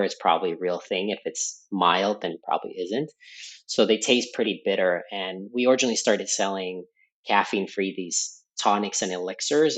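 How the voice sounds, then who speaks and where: A man's voice: low-pitched, a bit bright. A man from Finland, speaking as a podcast guest and explaining at length in a thoughtful way, with fillers and restarts. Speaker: podcast guest, company founder. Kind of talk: conversational interview explanation.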